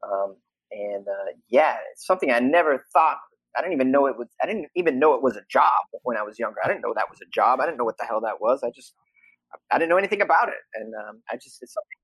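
Podcast guest: man from Boston, voiceover actor, animated and chatty, mid-pitched voice, dry close sound. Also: fast talker, slightly rough, dry recording, low-quality recording. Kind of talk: casual podcast conversation.

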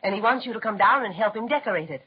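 An actress playing a caring mother who fusses over her children, in 1930s radio drama style, with a breathy voice. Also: medium pitch, animated, very fast, a little hiss or hum, natural voice. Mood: brisk. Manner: fussing, solicitous. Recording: dull old radio transcription.

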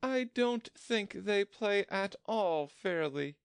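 A man's voice: high-pitched, animated, slow pace, gravelly, clean tone, no echo, clean studio sound, voice pushed up, heavily acted. Alice, a man voicing a prim complaining girl. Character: curious, fretful young girl. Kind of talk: storybook reading.

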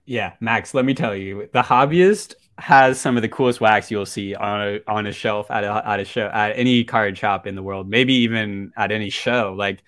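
A man's voice: lowish voice, moderate pace, few pauses, fairly bright tone, no echo, studio quality. Frat-bro young man chatting casually. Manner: frat-bro slang, filler "like" and "dude". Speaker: podcast host. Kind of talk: casual hobby chat.

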